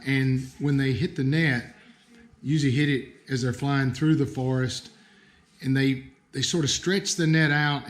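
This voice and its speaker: A man with an Appalachian hillbilly accent hosting a livestream, explaining things casually in a folksy, somewhat hesitant way. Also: mid-range voice. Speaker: livestream host. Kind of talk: casual live explanation to viewers.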